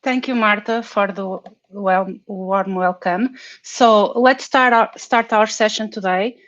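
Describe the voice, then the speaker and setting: A woman's voice: medium pitch, slow pace, fairly bright tone, dry recording, lo-fi sound. A woman introducing an online workshop as its moderator. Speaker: session moderator.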